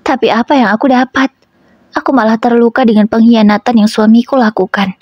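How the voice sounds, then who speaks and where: A woman's voice: a little high, steady tone, fairly quick, a little mellow, no room sound, highs cut off. A woman narrating an emotional first-person story about her marriage, with an indignant tone.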